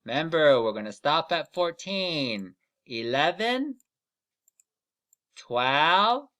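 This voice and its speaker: A man teaching young children in the manner of a kids show host, explaining deliberately step by step and often checking in with "okay?". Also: on the high side, fairly bright tone. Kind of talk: children's lesson instruction.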